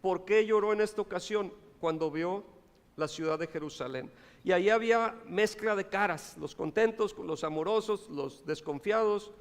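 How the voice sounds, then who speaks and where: A man's voice: sits high, moderate pace, big-room sound. A man, a pastor preaching a sermon in a conversational, storytelling way with rhetorical questions.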